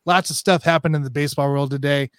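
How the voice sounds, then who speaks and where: A man with a high voice co-hosts a live show casually. He talks in a chatty way, and the sound is dry and close. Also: fairly even intonation, fast talker, fairly bright tone, smooth, no echo. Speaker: co-host.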